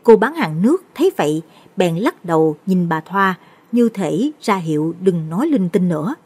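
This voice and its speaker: A woman narrating a late-night Buddhist ghost story in a steady, measured way. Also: on the low side, slightly rough.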